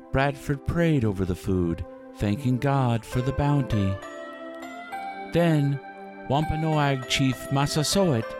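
A man playing a solemn historical documentary narrator, earnest and measured in scripted storytelling. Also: medium pitch, natural voice. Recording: narration over clear background music. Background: music.

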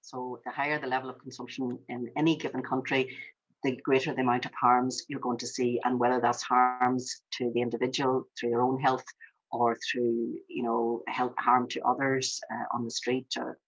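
A woman speaks as an interview guest through a degraded internet connection that leaves her voice muffled and lo-fi. Her delivery is even and measured, with very little rise and fall, and her tone is husky. The sound is dry, with no room around it. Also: very deep voice, dry recording. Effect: degraded internet connection audio. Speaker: guest, charity chief executive. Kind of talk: interview answers over an internet call. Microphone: remote call. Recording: dull lo-fi dry call audio.

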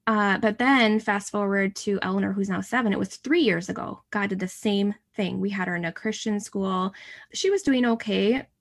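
A woman's voice: medium pitch, moderate pace, vocal fry. Enthusiastic woman hosting a chat. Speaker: host. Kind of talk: casual conversation.

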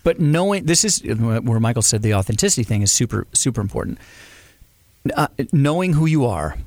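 A man co-hosting a music podcast in casual chat, talking fast and jokingly and often cutting in. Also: medium pitch, no echo. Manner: animated, quick, jokey, talks over his co-host. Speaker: podcast co-host.

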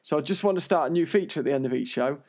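A man's voice: fairly high pitch, rapid-fire, a little mellow. An unwell British man hosting a podcast in a chatty, earnest monologue, his breathing audibly wheezy. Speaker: podcast host.

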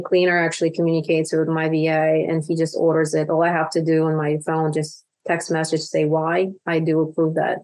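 Chatty woman guest, lowish voice. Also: a little mellow. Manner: chatty, many fillers and restarts. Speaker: guest, virtual assistant business owner. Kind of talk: casual podcast interview.

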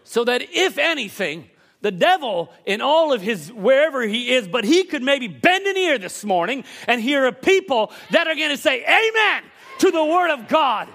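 A high-pitched man preaching to a congregation, his voice leaping up and down as he presses each point. He moves between quick conversational asides and sudden shouted emphasis, speaking from the pulpit during a church service. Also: very animated. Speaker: pastor. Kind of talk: sermon.

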